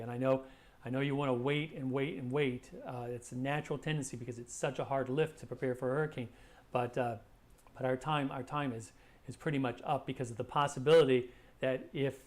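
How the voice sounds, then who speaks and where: A man presenting a live weather briefing as a forecaster, talking conversationally and hesitantly, often repeating words as he explains. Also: medium pitch.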